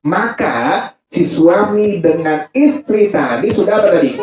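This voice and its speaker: A man's voice: high voice, lively intonation, measured pace. A man preaching a joking religious lecture, teasing the crowd and asking them to fill in answers. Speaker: Islamic preacher. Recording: echoey hall, far mic, loud crowd laughter. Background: loud crowd laughing.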